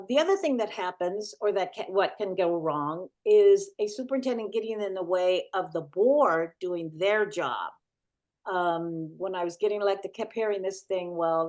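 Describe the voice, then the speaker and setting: A middle-aged woman with a voice a bit higher than most speaks in a casual, explanatory way. She is earnest and keeps pausing with fillers and restarting her sentences. She sounds like a regular co-host laying out a point. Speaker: podcast co-host and elected county board member.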